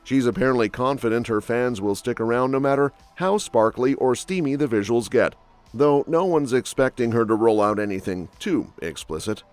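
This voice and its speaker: A man's voice: medium pitch, expressive, moderate pace. A man reading scripted entertainment gossip narration with a snarky, quip-heavy delivery. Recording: dry voice-over with soft music bed.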